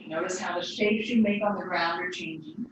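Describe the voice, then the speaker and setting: A woman leads a yoga class in a studio. She gives calm instructions timed to the breath. Her voice comes from a distance and echoes heavily through the room over a faint hum. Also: lowish voice, normal speed, dull audio. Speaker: yoga teacher.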